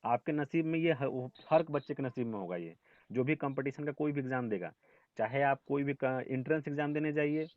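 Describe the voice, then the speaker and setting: A man's voice: medium pitch, brisk, no room sound, narrow, tinny audio. Hindi-speaking man teaching an online class. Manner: explains step by step, asks "ठीक है?" often, scolds students gently.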